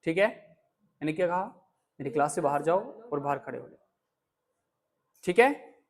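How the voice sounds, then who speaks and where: A man teaches English grammar to a live class of students. He breaks sentences into single words and drills them slowly. He mixes jokes with stern warnings to his pupils. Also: on the high side, lively intonation. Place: indoor classroom.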